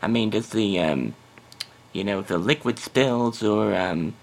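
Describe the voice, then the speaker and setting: A man's voice: lowish voice, slow pace, creaky, heavily acted. A man voicing a chatty, skeptical female customer on a prank phone call, hesitant and exclamatory. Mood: skeptical, probing. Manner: hesitant, exclamatory, calls the listener honey.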